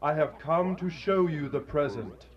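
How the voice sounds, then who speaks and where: Commanding, fairly high-voiced spirit played by a man. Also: lively intonation, unhurried, highs cut off. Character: commanding, hearty male spirit of Christmas present. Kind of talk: live student radio drama acting.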